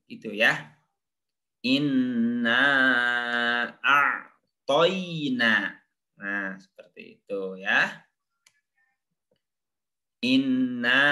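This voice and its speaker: A man gives a patient recitation lesson to children. He talks at a slow, unhurried pace in a very bright, forceful voice. He models each word and chants the verses stretched out. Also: medium pitch. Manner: chants verses drawn out and stressed. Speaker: Quran recitation teacher. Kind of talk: online lesson for primary school pupils.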